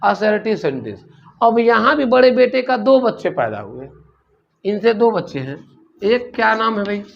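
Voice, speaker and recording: A man's voice: high-pitched, big pitch swings, moderate pace, vocal fry, a little hiss or hum. A man teaching a grammar lesson, explaining step by step and asking rhetorical questions as he goes. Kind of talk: classroom-style grammar lesson. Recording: dull lo-fi recording.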